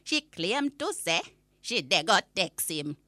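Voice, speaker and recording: Woman playing a slow, indignant old Jamaican granny. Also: lowish voice, big pitch swings, bright, forceful tone, dry recording, studio quality, full character voice. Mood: exasperated, indignant. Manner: indignant, drawn-out emphatic storytelling. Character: exasperated old Jamaican granny telling a rant. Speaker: storyteller. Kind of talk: comic monologue rant.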